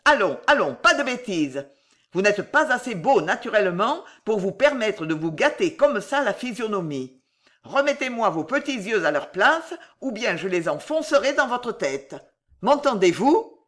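A reader voicing a gruff, blunt young manservant who scolds and threatens loudly in an audiobook. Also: mid-range voice, sing-song, moderate pace. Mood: scolding. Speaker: character in an audiobook. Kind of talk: audiobook character reading.

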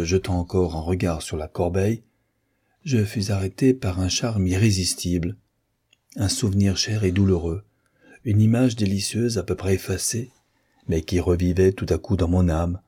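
A man narrates a classic novel in a measured, expressive reading. His voice is deep and mellow. It has a husky grain to it. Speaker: audiobook reader.

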